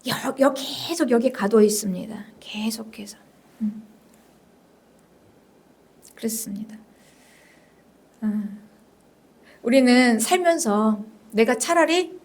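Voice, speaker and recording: A woman senior pastor preaching a sermon, emphatic and repetitive, questioning her congregation and sometimes dropping to a whisper. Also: a little high. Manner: emphatic, repeats phrases, drops to whispers at times; addresses the congregation directly with questions.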